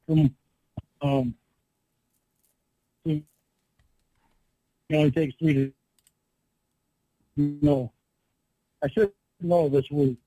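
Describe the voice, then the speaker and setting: A man's voice: on the high side, steady tone, mellow, no echo. Man on a glitching, cutting-out phone call. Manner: halting, broken-off sentences. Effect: phone call audio glitching and cutting out. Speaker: caller.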